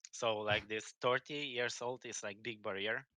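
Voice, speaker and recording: Bright-voiced man in his late twenties. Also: lowish voice, measured pace, dry recording. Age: 20s. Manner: relaxed, chatty storyteller, laughs easily. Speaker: guest, pro gamer. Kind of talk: casual interview chat.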